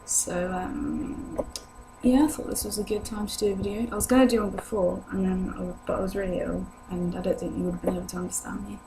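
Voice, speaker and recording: A young British vlogger with a sore throat answers viewer questions to camera, her voice lower than usual, medium-pitched and gravelly. She speaks a little fast with fairly even intonation, rambling casually and hesitantly, in a noisy home recording with hum.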